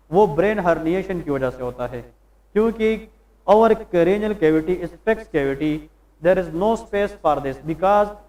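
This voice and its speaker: High-voiced man lecturing, quizzing his class. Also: a little mellow, rough recording. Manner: quizzes students with questions and answers them himself; slows down to stress English terms. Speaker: medical lecturer. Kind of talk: Hindi-English classroom lecture.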